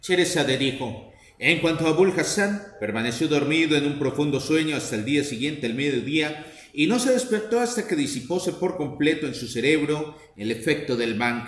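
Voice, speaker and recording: A man reading a classic tale aloud as narrator, in measured storytelling. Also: on the high side, expressive, a bit bright. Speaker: reader. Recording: echoey room with faint noise.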